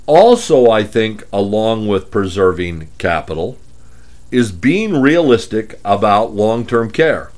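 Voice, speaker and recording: A man's voice: on the low side, big pitch swings, slow, darkish tone. A man hosting a radio show on money and retirement, talking emphatically and firing off repeated rhetorical questions. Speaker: radio financial advice host. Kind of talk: radio talk monologue.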